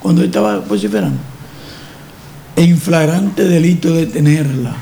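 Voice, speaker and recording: A man's voice: a little high, animated, moderate pace, creaky, mellow, slight background noise. A man hosting a talk radio debate, emphatic and lecturing, restarting phrases often.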